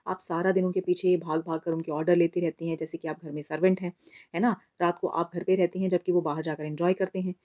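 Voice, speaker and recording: A woman's voice: lowish voice, little pitch movement, quick pace. A woman teacher giving an exam summary lesson in mixed Hindi and English, patiently explaining and calling her students "beta". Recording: slightly dull lo-fi recording.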